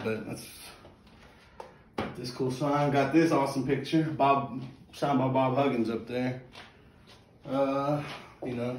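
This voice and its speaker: A young West Virginia man with a medium-pitched, darkish voice enthusiastically shows off his sports fan room at home in a casual vlog. He rambles and uses lots of fillers. It's filmed on a handheld phone in an echoey room with faint ambient sound.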